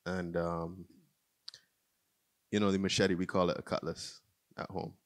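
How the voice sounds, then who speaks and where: A man from Barbados answers on a museum panel, handheld mic in hand, easygoing and thoughtful. His voice is very low, and he lets his ideas unfold slowly. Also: level tone. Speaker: filmmaker and musician, panelist. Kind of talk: panel discussion. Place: museum auditorium stage, seated panel before an audience. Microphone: handheld microphone.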